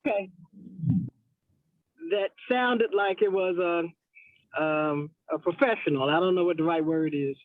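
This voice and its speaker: A woman's voice: fairly low pitch, unhurried, pauses often, no room sound. A woman on the board, calling in and asking direct questions over a bad, breaking-up connection. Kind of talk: board meeting discussion. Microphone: phone call into a virtual meeting. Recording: tinny, dry phone line.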